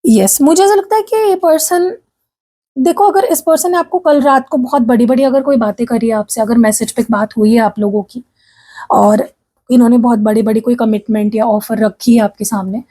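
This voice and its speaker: A woman's voice: a little high, normal speed, warm tone. A woman giving a casual tarot reading to her viewers, chatting in a friendly way, slipping in English phrases and complaining of a sore throat. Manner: chatty, addresses viewers as "guys", frequent "theek hai?"; mixes English phrases into Hindi speech. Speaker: tarot reader.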